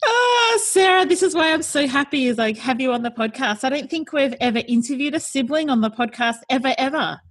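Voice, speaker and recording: A woman's voice: high-pitched, lively intonation, brisk, hardly any pauses. An Australian-accented woman hosting a podcast in a casual, chatty interview style. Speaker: podcast host.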